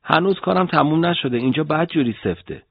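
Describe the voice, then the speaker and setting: Brief: a man reading as a calm, methodical soldier, husky voice, dry and dull sound. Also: a little high, no echo, voice pushed up. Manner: calm, matter-of-fact. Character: unhurried careful male soldier. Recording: dull lo-fi audiobook recording.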